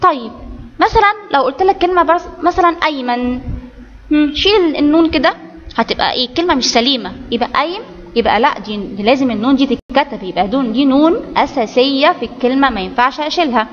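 A primary school Arabic teacher with an Egyptian accent runs an online grammar lesson for children at a quick pace, her high voice very expressive. She lays things out step by step and often checks in with the class. The highs are cut off, and a long reverb tail follows her words.

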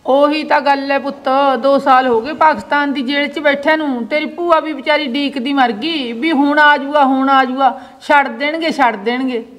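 An older woman plays a grieving village mother with a Malwai Punjabi accent. Her voice sits high, and she talks in a slow, sorrowful way. She keeps coming back to her worry about her son. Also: fairly even intonation, fairly bright tone. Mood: worried. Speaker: actor in a village short drama. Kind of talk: amateur village drama acting.

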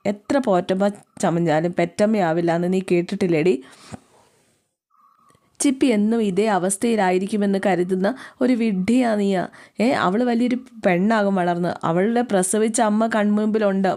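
A woman's voice: mid-range voice, mellow, natural voice. A woman doing a harsh scolding mother. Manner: harsh, taunting, rhetorical questions. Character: scolding middle-aged mother, blunt and harsh.

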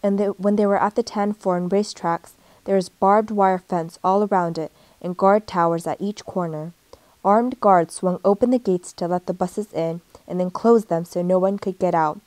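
Gentle woman reading a storybook, dry. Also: fairly low pitch, fairly even intonation, normal speed, dry recording. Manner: gentle storytelling, lifts her voice for the characters. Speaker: storybook reader. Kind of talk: picture book read-aloud.

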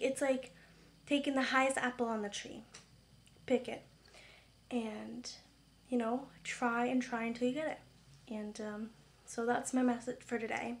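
A young woman talking casually to her camera, earnest and chatty, with many fillers. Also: on the high side. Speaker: vlogger. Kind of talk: casual vlog talk.

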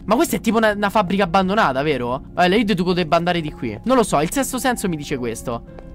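A man's voice: high-pitched, very animated, fast talker, soft background music. A man with a Roman accent giving live gameplay commentary, jumpy and swearing a lot as he talks to viewers. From Rome. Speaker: streamer.

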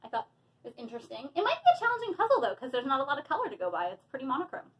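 A woman in her thirties, a hobby vlogger, unboxes items in a small room at home while chatting casually and with excitement. Her voice sits high and she talks at a racing pace, filling her speech with lots of fillers.

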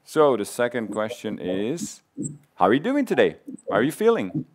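A man's voice: medium pitch, huge pitch swings, normal speed. A man in his thirties hosting on a conference stage, moderating a live audience poll in an upbeat way, laughing easily, speaking into a headset mic.

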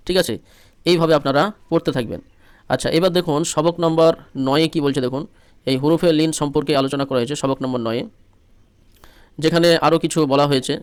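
A man with a Bangladeshi Bengali accent leads a spelling-drill lesson in a clear, resonant voice with a slightly raised, flat pitch. He spells each syllable patiently and repetitively. The sound is dry and close. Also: fast talker, long pauses, dry recording. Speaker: Quran reading teacher.

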